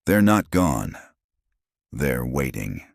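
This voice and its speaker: A man's voice: very deep voice, big pitch swings, slow, vocal fry, no echo, clean studio sound, heavily acted. A man voicing a frightened male deputy who mutters in a cracking voice. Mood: fearful. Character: shaken male deputy, fearful and haunted.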